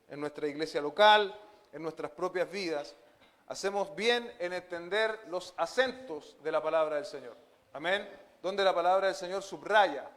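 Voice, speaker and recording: Male pastor, high-pitched, earnest sermon delivery full of amens. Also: fairly bright tone. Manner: earnest, with frequent fillers and repeated amens. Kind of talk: expository sermon.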